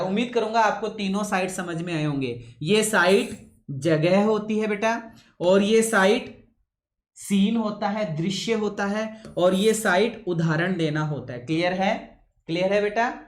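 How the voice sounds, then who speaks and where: A man teaching English vocabulary in a classroom lecture, pausing often to ask his students whether they have understood, and deliberately slowing his usually fast speech. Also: high-pitched. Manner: keeps checking with students, calls them son. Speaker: English teacher for exam coaching. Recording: echoey room.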